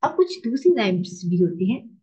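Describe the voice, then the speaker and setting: A woman English teacher giving a lecture, explaining in Hindi and reading English lines out slowly. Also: mid-range voice, sing-song, dark tone, husky, highs cut off. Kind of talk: classroom lecture.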